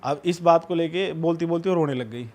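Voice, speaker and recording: Male guest, casual rambling storyteller, a bit high-pitched. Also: fairly quick, a little mellow. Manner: rambling, conversational, often says "bhai" and "na".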